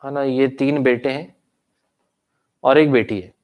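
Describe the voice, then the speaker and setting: A man's voice: medium pitch, steady tone, unhurried, darkish tone. Indian man lecturing with a sore throat. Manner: mixes Hindi and English, coaxing students with tag questions. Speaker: commerce law lecturer. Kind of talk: online lecture reading chat questions.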